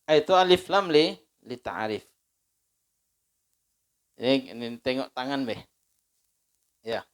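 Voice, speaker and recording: Slow, clear-voiced Indonesian religious teacher. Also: male voice, medium pitch, expressive. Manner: slow, drawn-out demonstrations of recited phrases; conversational, asks listeners questions. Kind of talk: Islamic study circle lesson.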